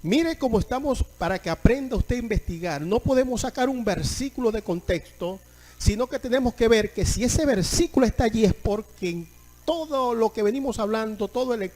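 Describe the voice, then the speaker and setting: A man's voice: extremely high pitch, lively intonation, darkish tone. A man preaching a sermon, explaining scripture and calling on the congregation to repeat phrases and answer him. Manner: reads scripture slowly, stressing each phrase. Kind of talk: sermon, Bible exposition.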